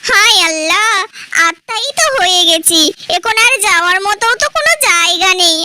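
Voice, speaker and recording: A woman's voice: very high-pitched, animated, moderate pace, background noise. A woman voicing the stern, vengeful ghost of a mother in a cartoon. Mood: accusing. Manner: menacing, accusing speech. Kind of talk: dubbed cartoon acting. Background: loud background music.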